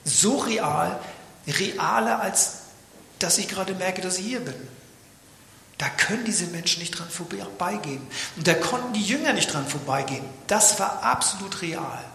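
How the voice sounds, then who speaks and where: A man gives a sermon in a high, bright voice. He preaches dramatically and sometimes sinks to a whisper for emphasis. The church hall echoes around him with a long reverb. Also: expressive, a little slow, vocal fry, a little hiss or hum.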